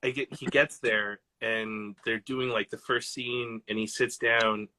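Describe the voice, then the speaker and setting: A man hosting a casual live-stream chat, excitable and swearing freely as he acts out quotes. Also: mid-range voice, measured pace. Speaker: host.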